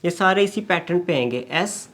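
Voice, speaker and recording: A man teaching English pronunciation in a lecture, mixing Urdu with English and repeating single sounds slowly. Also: high voice, expressive, a bit bright.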